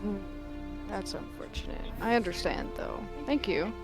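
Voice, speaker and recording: High-pitched man playing tabletop game. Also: normal speed, over music. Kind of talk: casual in-game role-play talk.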